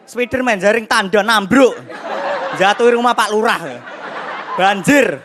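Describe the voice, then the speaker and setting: A young man with a high, light voice works through a stand-up set on a studio stage. He tells his stories in an animated way, acting out voices and sound effects. The audience laughs loudly over a noisy broadcast sound. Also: normal speed, crowd noise. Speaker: stand-up comedian.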